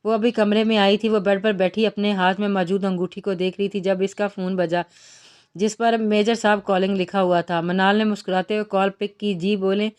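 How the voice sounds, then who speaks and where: A woman narrating a romance novel in a plain, steady reading voice with small slips. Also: medium pitch, a little fast, smooth.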